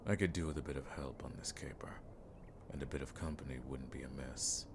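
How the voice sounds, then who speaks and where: Friendly and encouraging this time, a man playing a weathered monster hunter speaks in a very deep, gravelly, mostly flat voice for a fantasy audio roleplay. He is measured, wry and world-weary, with old-fashioned turns of phrase. Clear ambience runs behind him against a noisy background.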